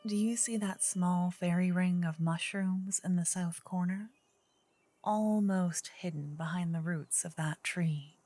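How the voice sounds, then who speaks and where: A woman playing a gentle, earnest druid in an ASMR role-play, her soft female voice slipping between breathy soft voice and low murmur. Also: dry recording. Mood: hushed, conspiratorial. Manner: slow, gentle, intimate female voice with pauses. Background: soft medieval ambience and music.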